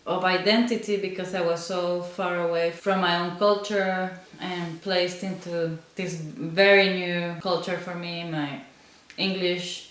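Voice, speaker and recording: A woman from Central America answering interview questions, slow and thoughtful, often pausing with ums. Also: lowish voice, little pitch movement, fairly bright tone. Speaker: interviewed designer. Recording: echoey room, mic at a distance.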